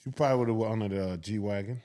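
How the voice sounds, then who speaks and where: A man's voice: lowish voice, a little fast, dark tone. A man on a podcast, playful and a bit boastful in casual banter. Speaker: podcast co-host.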